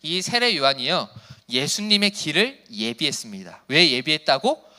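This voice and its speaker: A youth pastor giving a sermon to teenagers, casual, playful and slangy, who reads scripture quietly and then preaches animatedly. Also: male voice, fairly high pitch, big pitch swings, moderate pace.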